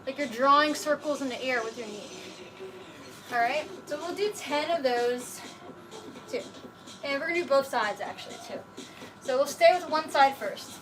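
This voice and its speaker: A woman's voice: high-pitched, moderate pace, long pauses, background noise. A woman coaching like an aerobics instructor, casually giving exercise cues and counting reps with encouragement. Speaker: fitness instructor leading a live workout. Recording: music playing behind the voice.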